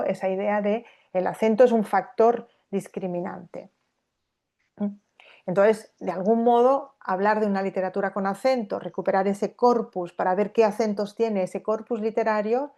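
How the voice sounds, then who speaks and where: A woman's voice: medium pitch, mellow. Woman giving a thoughtful academic lecture. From Spain. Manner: thoughtful, with many fillers and restarts, asking "¿no?". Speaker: literature scholar giving a talk.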